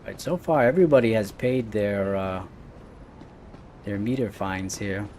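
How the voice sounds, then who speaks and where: Casting: male gaming host, casual play-by-play, soft dark tone, light vehicle ambience underneath. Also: fairly low pitch, measured pace, slight background noise. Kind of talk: casual let's-play commentary.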